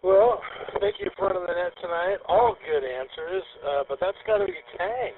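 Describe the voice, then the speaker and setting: A man's voice: high voice, animated, normal speed, narrow, tinny audio. A man checking in on an amateur radio net, speaking politely and using radio procedure, heard through a crackly two-way radio transmission. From Gresham area. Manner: polite, uses radio procedure and call signs. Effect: crackly two-way radio transmission with static hiss. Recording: thin radio audio with faint static.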